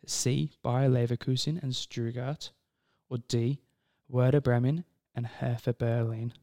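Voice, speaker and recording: A man with a gravelly edge to his voice, co-hosting a casual podcast. He reads quiz questions aloud in a playful, joking way and chats loosely with his co-host. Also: mid-range voice, steady tone, unhurried, mellow. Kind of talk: casual chat.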